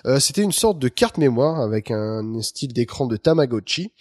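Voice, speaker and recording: A man's voice: medium pitch, very animated, normal speed, a little mellow, no room sound, clean studio sound. A man hosting a casual podcast chat, talking loosely with lots of fillers and restarts. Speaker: podcast host.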